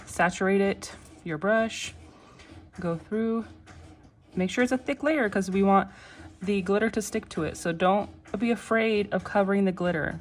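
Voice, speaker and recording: A woman giving a casual, step-by-step craft tutorial in a reassuring, unhurried way, often checking in, with machine noise behind her. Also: mid-range voice. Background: machines running, clicking sounds.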